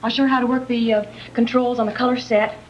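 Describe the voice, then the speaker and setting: Actress doing a fussy organized wife, high voice, dull hissy old tv audio. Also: female voice, level tone, quick pace, lightly acted. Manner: fussy, fond, orderly. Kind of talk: 1960s sitcom acting.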